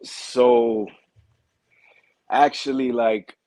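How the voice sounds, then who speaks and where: A man, a boxing manager, talking casually in a relaxed, slangy way. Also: medium pitch, drawn-out words, no echo. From New York. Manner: relaxed, slangy, calls people bro. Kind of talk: casual interview.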